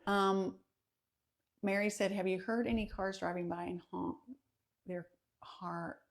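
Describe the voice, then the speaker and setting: A woman's voice: mid-range voice, steady tone, a little slow, creaky. A woman, chatting casually at home on a livestream and reading viewer comments aloud with many ums. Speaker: host of a home and kitchen channel.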